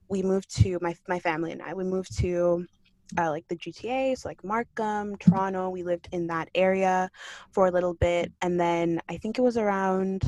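A woman in her twenties, from Jamaica, answers questions as a podcast guest. Her voice sits a little low and the recording is dry and close. She talks loosely, with lots of ums and light laughter. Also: no room sound. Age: 20s. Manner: relaxed, laughs often, many fillers. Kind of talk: casual interview.

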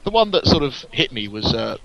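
A man's voice: medium pitch, sing-song, brisk, gravelly, fairly bright tone, highs cut off. Joking male podcast co-host. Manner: jokey, playful banter. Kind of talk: casual chat.

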